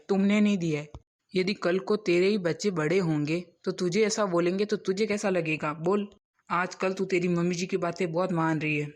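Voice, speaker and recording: A woman's voice: lowish voice, a little mellow, natural voice. A woman voicing a stern young husband in a cartoon comedy, who lectures and scolds his wife.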